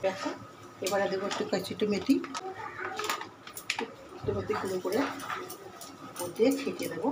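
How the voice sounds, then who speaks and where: A woman's mid-range voice moves at normal speed with long pauses as she hosts a home cooking video. She's from Bengal and chats casually through each step in her kitchen, where the room echoes and cooking noise is loud.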